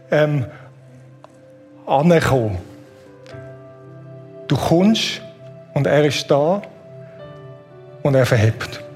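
Earnest pastor, slightly high voice. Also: male voice. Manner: earnest, conversational, slows down on key points; leads a guided meditation. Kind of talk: sermon.

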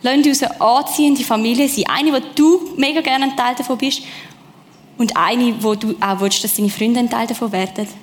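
A woman preaching a sermon, lively and personal, speaking straight to her listeners. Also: fairly high pitch, moderate pace, in a large hall.

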